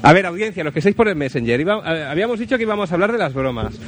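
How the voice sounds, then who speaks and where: A male radio co-host with a lively, swooping voice and a slightly high pitch. He chats loosely and wryly, mocks himself and breaks into laughter often. He is close on a studio mic, with music running underneath. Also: very fast. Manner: wry, self-mocking, laughs often. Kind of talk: casual radio banter.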